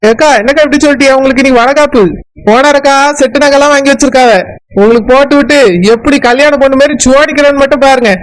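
A woman with a Kanyakumari Tamil accent voicing a chatty young village woman who talks quickly and eagerly. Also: high-pitched, fairly even intonation, natural voice, rough recording.

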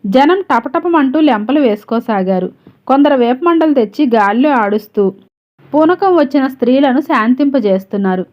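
A woman storyteller reading a story aloud in a steady, even-paced way. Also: high-pitched, moderate pace. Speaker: storyteller, channel host. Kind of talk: scripted story narration. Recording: dull lo-fi audio.

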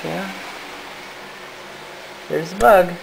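A man's voice: high voice, drawn-out words, creaky, slight background noise. A young father in casual talk with his small child, asking simple questions and echoing the child's words back. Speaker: father playing with his toddler.

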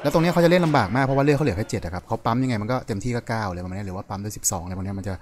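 A young man casually commentating his card game on a live stream, chatty and quick, greeting viewers by name and apologizing often. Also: on the low side, animated. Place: home room at night.

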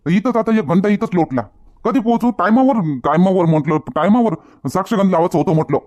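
A man's voice: sits high, a little fast, darkish tone, dull audio. Grumbling man in a village comedy skit. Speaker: comedy sketch actor.

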